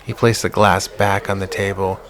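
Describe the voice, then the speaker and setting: A man narrating a psychological horror audiobook in a measured, slow-burn way. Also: low voice, little pitch movement, a crowd in the background.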